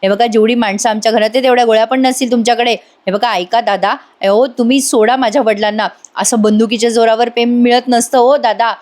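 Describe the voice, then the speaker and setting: A woman voicing a sensible elder brother who reasons and pleads for calm. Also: fairly high pitch, fast, few pauses, natural voice. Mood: pleading.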